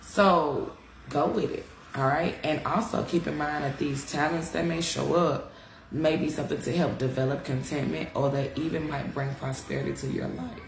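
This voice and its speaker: A congested woman with a rumbling low voice and vocal fry teaches astrology casually over a live stream, using her device mic. The recording is rough and reverberant, and she chats frankly, curses freely, and addresses viewers as y'all.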